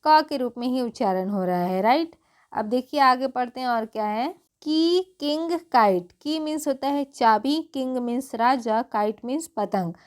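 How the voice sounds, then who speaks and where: A woman's voice: on the high side, normal speed. A woman with a Hindi accent teaching English phonics to beginners, spelling out each word letter by letter and asking and answering her own questions.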